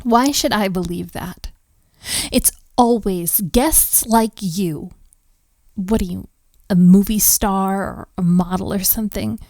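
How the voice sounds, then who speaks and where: Voicing a flustered, overworked hotel maid with a sharp tongue for a romantic roleplay audio drama, a woman sighs her way through sarcastic, exasperated lines. She speaks slowly at medium pitch, sounding skeptical and grudging, in a dry, studio-quality recording.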